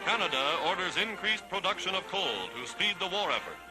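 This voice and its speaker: A man's voice: sits high, very animated, fairly quick, low-quality recording. A man narrating a 1940s newsreel in a dramatic, declamatory, scripted style. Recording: vintage 1940s newsreel soundtrack, loud music. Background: loud music.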